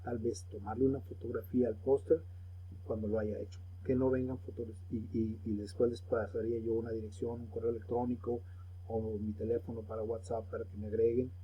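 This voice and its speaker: A man's voice: mid-range voice, little pitch movement, brisk, dull audio, slight background noise. A man teaching a recorded remote lesson, patiently explaining step by step and repeating phrases for pupils to echo.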